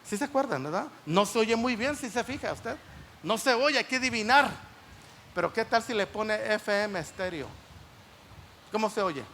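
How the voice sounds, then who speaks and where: A man's voice: high voice, animated, moderate pace, a bit bright, a little hiss or hum. A man preaching a sermon at a church service, often asking the congregation rhetorical questions.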